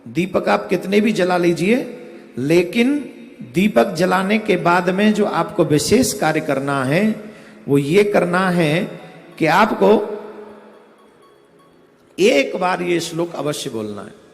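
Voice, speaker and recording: A man preaching a devotional discourse, giving slow, step-by-step instruction. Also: high-pitched, expressive, creaky. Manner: slow, instructive, chants a Sanskrit verse in a sing-song. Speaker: spiritual preacher. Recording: echoey hall with faint music behind.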